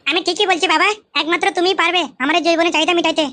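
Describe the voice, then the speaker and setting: Sweet-talking mother-in-law played by a woman, high, bright, rapid. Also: steady tone. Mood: coaxing. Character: coaxing middle-aged mother-in-law, thirties by her claim. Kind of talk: comic village skit.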